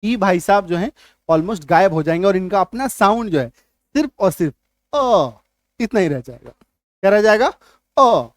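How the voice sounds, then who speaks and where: A male teacher giving a spoken lesson, repeating each point and quizzing the listener with quick questions as he drills lists of words. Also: sits high, animated, dry recording. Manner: drills word lists aloud, one word at a time.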